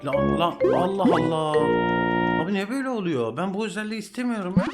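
A young gaming channel host with a Turkish accent does casual let's-play commentary in a high, sing-song voice, talking fast. He reacts with frustrated outbursts and exclamations over loud game music.

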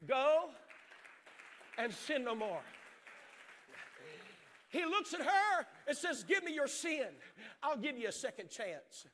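A middle-aged man preaching an impassioned sermon on a large church stage, swinging from shouts to hushed storytelling. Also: very high voice, very animated, takes it slowly, long pauses, a faint crowd, a little hiss or hum. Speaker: pastor.

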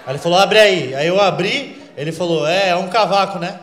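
A man's voice: sits high, fairly quick, a little hiss or hum. A man in his thirties doing stand-up, telling a story, acting out voices and swearing. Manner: animated, acts out quoted voices, crude slang. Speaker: stand-up comedian. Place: comedy club stage. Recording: echoey live club with laughter.

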